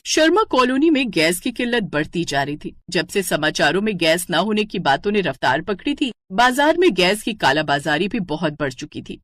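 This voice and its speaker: A woman's voice: fairly low pitch, moderate pace, few pauses, no room sound. A woman narrating a cartoon moral story. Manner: steady storytelling.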